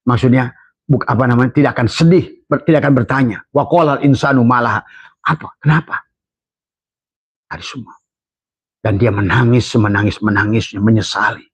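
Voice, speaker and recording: A man preaching a sufi sermon who climbs to high emphatic peaks and chants Quranic verses slowly. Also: slightly rough, no echo.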